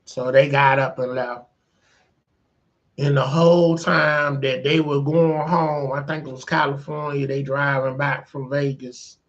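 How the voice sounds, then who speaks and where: A man's voice: mid-range voice, little pitch movement, unhurried, lo-fi sound. A man casually retelling a movie plot and giving his opinion, in a laid-back, slangy, rambling way. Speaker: host.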